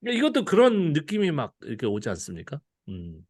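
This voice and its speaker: A man's voice: a little high, huge pitch swings, fast, darkish tone. A man giving a casual, conversational Bible study lecture, laughing often and letting his voice drop at the ends of phrases.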